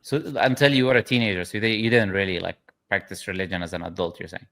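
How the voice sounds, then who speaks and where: A man's voice: low-pitched, steady tone, fast talker, vocal fry, fairly bright tone. A man hosting a debate on a video call, speaking firmly and insistently, repeating his points. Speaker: host.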